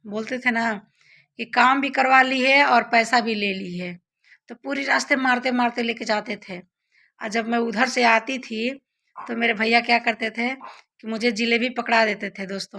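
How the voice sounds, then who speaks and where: Bright, chatty young woman vlogger. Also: a little high. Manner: chatty, addresses viewers as friends often. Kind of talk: casual storytelling to viewers.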